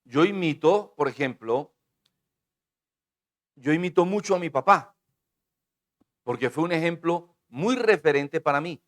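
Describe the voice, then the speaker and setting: A man preaching a sermon to his congregation, swinging between booming declarations and hushed asides and calling on the listeners to repeat his words. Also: lively intonation, unhurried, long pauses. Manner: calls on the congregation to repeat and respond. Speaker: pastor.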